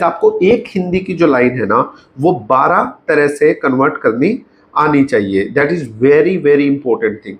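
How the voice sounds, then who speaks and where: Man slowly drilling grammar examples. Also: on the high side, a bit bright. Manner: slow, repetitive, drills example sentences. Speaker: English teacher. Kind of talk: explaining grammar on a whiteboard.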